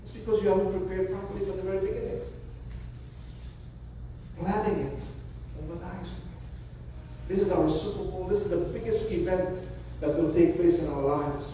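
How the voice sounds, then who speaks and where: A man's voice: sits high, fairly even intonation, moderate pace, pauses often, mellow, slight background noise. A man, an imam, giving a Friday sermon in a mosque, talking in a practical, conversational way with frequent restarts. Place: large mosque prayer hall. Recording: echoey hall from far off.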